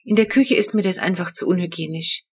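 A woman's voice: lowish voice, fairly quick, husky. A woman doing a weary, worried mother. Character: worried mother, tired and practical.

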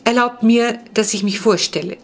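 A woman's voice: a little high, moderate pace, voice pushed up, lightly acted. A woman reading a storybook, voicing a polite half-vampire boy of noble blood who speaks in formal, courtly, old-fashioned phrases. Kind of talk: audiobook reading.

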